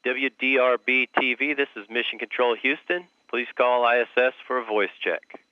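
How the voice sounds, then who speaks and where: A man's voice: mid-range voice, steady tone, moderate pace, clean tone, dry recording. A man from mission control running a voice check over a radio communicator link, speaking in clipped call-sign phrasing. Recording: thin lo-fi radio transmission.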